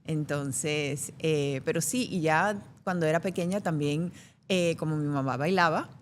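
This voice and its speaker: A middle-aged actress from Venezuela, telling stories in a lively way during a casual interview. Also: female voice, low-pitched, unhurried, a little hiss or hum. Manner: lively anecdotal storyteller. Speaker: actress guest.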